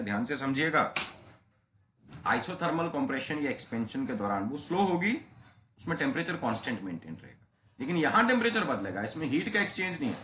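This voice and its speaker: A male physics teacher lectures in a roomy, echoing classroom. He draws out key terms slowly and then punches points with sudden jumps in pitch and volume. A faint hiss sits under the recording. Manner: explains in Hindi mixed with English terms, drawing out key phrases slowly; calls students "beta ji", stresses points with sudden rises in pitch and loudness.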